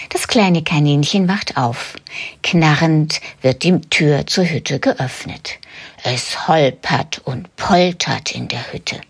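Breathy woman, whispered role-play storytelling. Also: sits low. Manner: soft, hushed bedtime storytelling.

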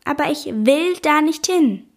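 A woman's voice: high voice, animated, measured pace, pitched above the performer's own voice. A woman reading an audiobook, voicing a young schoolgirl who is tearful, stubborn and whiny in her pleading.

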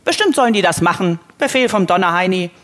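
A woman voicing a bold, brisk pony leader. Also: lowish voice, lively intonation, fairly bright tone. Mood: determined. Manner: brisk, decisive, hissing when tense.

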